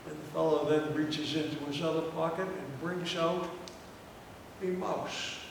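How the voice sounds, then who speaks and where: An older man hosting a comedy night, telling long jokes slowly with fillers and restarts to a live audience. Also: on the high side, fairly even intonation, vocal fry. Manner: slow, meandering joke-telling with fillers and restarts. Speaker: comedy show host. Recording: echoey hall, distant mic, background noise.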